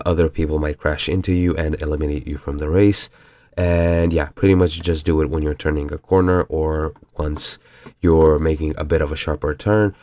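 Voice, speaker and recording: Young man, stuffy nasal voice from a cold, very low and dark tone, casual gaming tutorial, dry close sound. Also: no room sound. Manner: apologetic, explains verbally with fillers. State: has a cold.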